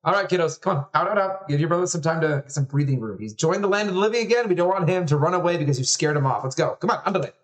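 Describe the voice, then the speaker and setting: A man voicing a firm, caring middle-aged mother who speaks slowly and with emphasis. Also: a little high, lively intonation, recorded from a distance, pitched above the performer's own voice, natural voice.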